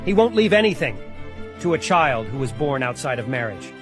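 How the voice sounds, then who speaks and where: A man's voice: mid-range voice, very animated, moderate pace, over music, close to an everyday voice. A man playing a greedy, contemptuous rich heir in a scripted drama, scornful and dismissive.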